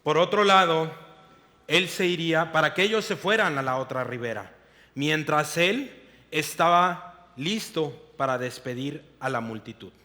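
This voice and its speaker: A male pastor giving a sermon in a church hall, reading scripture in a slow, deliberate way. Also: a little high, pushed and bright. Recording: long reverb of a large hall.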